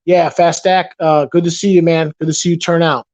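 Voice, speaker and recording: On a late-night livestream, a man rambles through viewers' messages, often restarting and repeating himself. His voice is a bit high for a man, fairly quick, a little mellow and with little pitch movement, and it sounds worn from hours of talking. The audio is dry and close, with no echo or room sound.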